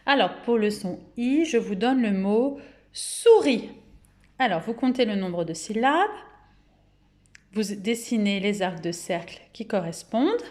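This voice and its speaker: A woman with a French accent giving a phonics lesson to young children at home, speaking patiently and clearly and drawing out each word's syllables. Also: mid-range voice, expressive, darkish tone. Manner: slow, clear, patient, syllables drawn out and repeated. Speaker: kindergarten teacher.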